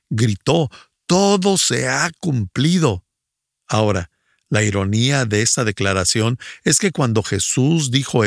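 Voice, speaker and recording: A man's voice: medium pitch, no echo, studio quality. A male preacher giving a broadcast sermon, emphatic and repeating his key phrases.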